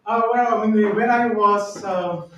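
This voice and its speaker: A man's voice: high voice, steady tone, measured pace, a bit bright, slight background noise. A man in his fifties with a Korean accent, a church organist talking casually to a congregation, hesitant and self-deprecating with a joking edge. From South Korea. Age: 50s. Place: church hall. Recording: echoey hall from far off.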